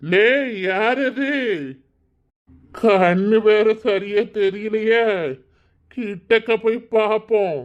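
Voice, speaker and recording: A man's voice: high voice, fairly even intonation, extremely slow, dull audio. A man voicing a boastful old village man with a Kanyakumari Tamil accent, drawling and half singing his lines in a cartoon. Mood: grumbling. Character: boastful old village man, self-styled local king. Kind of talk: cartoon voice acting.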